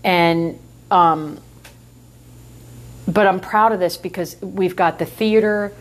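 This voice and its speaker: A woman's voice: fairly low pitch, slow, poor audio. A woman co-hosting a casual podcast with a New York accent, chatty and self-mocking as she tells stories. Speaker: podcast co-host. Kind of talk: casual chat.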